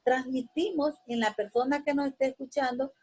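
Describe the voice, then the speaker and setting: Woman, teacher, husky tone, classroom lesson, patient, frequent fillers and tag questions. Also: high-pitched, fairly even intonation, moderate pace, warm tone, low-quality recording. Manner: patient, explanatory, gives everyday examples.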